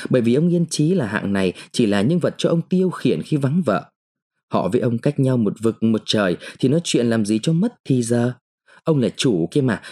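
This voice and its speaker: A man reading a short story aloud in a slow, measured storytelling manner. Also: medium pitch, dark tone, husky. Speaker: narrator. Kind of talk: scripted short-story narration.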